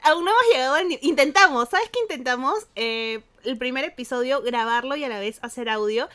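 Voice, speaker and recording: A woman co-hosts a casual podcast. She giggles a lot and adds quick, jokey asides. Her voice is high. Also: bright, forceful tone. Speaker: podcast co-host. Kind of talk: casual chat.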